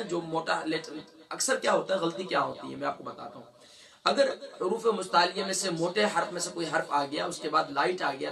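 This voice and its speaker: Bright, high-voiced male Quran teacher. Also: gravelly, distant mic. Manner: demonstrates sounds slowly, repeating letters with drawn-out recitation. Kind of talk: religious lesson with recitation drills.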